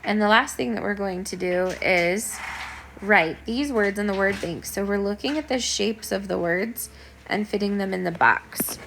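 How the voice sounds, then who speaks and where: A woman teacher guiding young children step by step through a lesson in simple, encouraging words, like a kids' show host. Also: medium pitch. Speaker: elementary school teacher. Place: at home. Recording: clear background noise with clicks.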